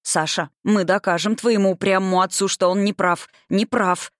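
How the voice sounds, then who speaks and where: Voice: medium pitch, moderate pace, no room sound, studio quality, lightly acted. A reader voicing a fussy governess. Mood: fretful. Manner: emphatic, theatrical dismay. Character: fussy middle-aged female governess. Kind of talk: audiobook reading.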